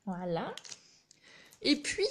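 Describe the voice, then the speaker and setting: A woman's voice: mid-range voice, big pitch swings, drawn-out words, a little hiss or hum. A woman, chatting casually while she demonstrates a craft project on a live stream. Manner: chatty, narrates her hands-on work with little asides. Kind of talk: live craft tutorial chat.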